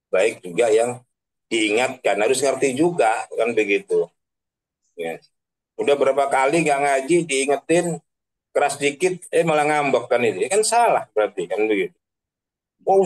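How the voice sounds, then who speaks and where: On poor audio, a man with a mid-range voice gives a chatty online religious talk as an Islamic preacher. He uses slangy everyday phrasing, ends sentences with filler questions like "kan begitu," and laughs at his own examples.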